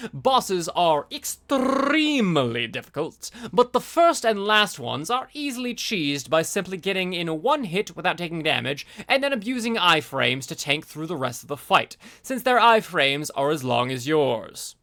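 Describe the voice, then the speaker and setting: At a normal speed, a bright-voiced streamer with a lively, swinging pitch moves between reading text aloud and chatting casually live. Sweary, informal interjections come up often.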